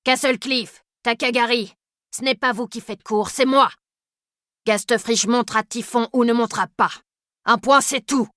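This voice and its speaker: A woman's voice: on the high side, fairly even intonation, a little slow, a bit bright, dry recording, clean studio sound, voice pushed up. Brief: woman as arrogant male riding master, commanding, clipped. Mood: harsh. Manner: curt, commanding.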